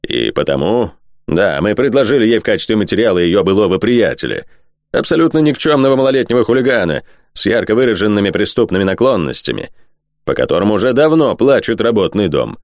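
A cold, scheming nobleman from an audiobook, polished and condescending, as a male narrator plays him. He lectures in smooth sentences that swing widely in pitch, recorded close and dry. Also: sing-song, fast, dry recording.

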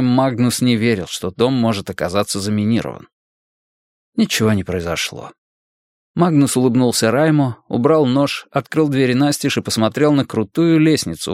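A man with a mid-range voice narrates an audiobook in a steady, measured scripted reading, recorded dry with studio quality.

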